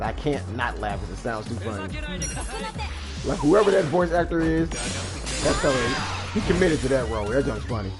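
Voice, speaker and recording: A gaming YouTuber in his thirties rambles through casual let's-play commentary in a mid-range voice, laughing often and acting out screams. The recording is rough, with game music playing behind him.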